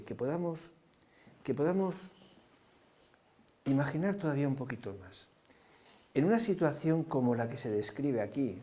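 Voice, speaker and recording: Preaching with a fairly high-pitched, darkish-toned voice, a man tells vivid stories. He conjures scenes for his listeners and asks them rhetorical questions along the way.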